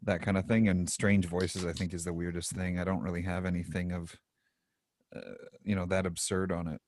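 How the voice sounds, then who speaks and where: A man's voice: deep voice, flat delivery, brisk, darkish tone, slight background noise. A man co-hosting a podcast in a laid-back, joking chat. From Canada. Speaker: podcast co-host. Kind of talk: casual chat.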